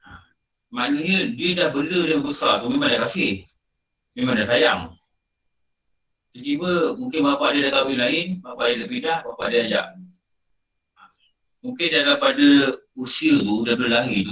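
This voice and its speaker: A man's voice: mid-range voice, moderate pace, pauses often, sharp tone. A middle-aged man with a Malaysian Malay accent, giving an informal religious lecture and telling stories with many repetitions. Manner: conversational, storytelling with repetition. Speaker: religious teacher. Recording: roomy sound, distant from mic.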